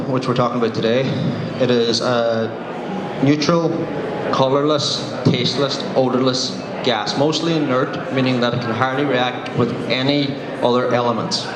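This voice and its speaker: Donegal man presenting in a noisy, echoey room. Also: mid-range voice. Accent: Donegal Irish. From Donegal, Ireland. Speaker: sales engineer presenting at a conference. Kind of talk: conference presentation with slides. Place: conference room, indoors. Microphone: handheld microphone, recorded by a distant camera. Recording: roomy echo, loud room noise.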